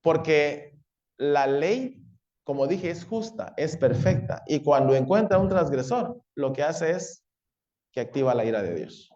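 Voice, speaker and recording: High-voiced preacher checking in with "¿sí?". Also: male voice, animated, measured pace, dull audio. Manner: asks the congregation frequent "¿sí?" and "¿verdad?"; acts out the law shouting accusations. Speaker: pastor. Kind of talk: sermon.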